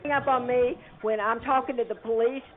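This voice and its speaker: A woman's voice: on the high side, fairly even intonation, a little fast. An angry woman in her eighties scolding a prank caller over the phone from her home, indignant and agitated. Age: 80s. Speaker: prank call target. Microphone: telephone. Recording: tinny phone line.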